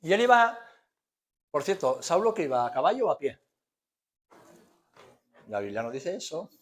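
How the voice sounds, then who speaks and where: A man's voice: a little high, sing-song, moderate pace. A man with an accent from Spain preaching a conversational sermon as a pastor, using rhetorical questions, emphatic repetition and colloquial humour. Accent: Spanish from Spain.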